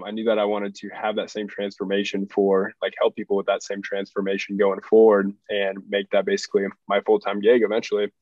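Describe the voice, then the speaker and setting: A man's voice: fairly low pitch, a little mellow, no echo. A young man from Nebraska co-hosting a casual fitness podcast over a remote call. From Nebraska, US Midwest. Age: young adult. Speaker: podcast co-host, fitness coach. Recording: slightly dull, dry remote call.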